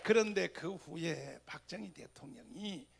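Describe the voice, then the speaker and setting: A man giving a fiery rally speech, firing rhetorical questions at the crowd, with sudden loud bursts and religious exclamations. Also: fairly high pitch, lively intonation, unhurried, gravelly. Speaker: speaker addressing a political rally.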